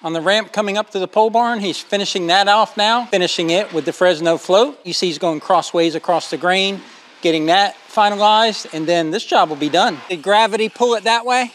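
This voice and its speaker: Outdoors on a rural building site, a middle-aged homestead vlogger talks a concrete pour through casually, phone held at arm's length. He has a high, fairly bright voice and speaks a little fast, with a faint hiss or hum in the recording.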